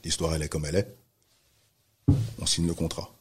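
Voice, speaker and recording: A man telling a story in casual chat, animated, acting out the voices of the people he quotes. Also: a bass voice, brisk, background noise. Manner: animated, acts out quoted voices, many restarts. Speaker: music manager telling a story.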